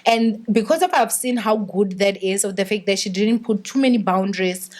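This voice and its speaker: A young woman from South Africa, a guest in a casual interview, telling stories in an animated way and often laughing. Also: medium pitch, normal speed.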